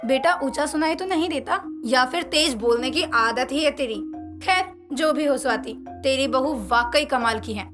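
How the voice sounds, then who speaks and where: A woman's voice: high voice, moderate pace, over music, natural voice. A woman voicing a mocking, gossipy middle-aged neighbor in a cartoon story. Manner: mocking and sly. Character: gossipy, teasing neighbor auntie.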